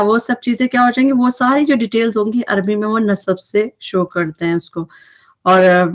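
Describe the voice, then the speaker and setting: A woman teaching an Arabic grammar recap lesson, explaining patiently and mixing English terms into her speech. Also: medium pitch.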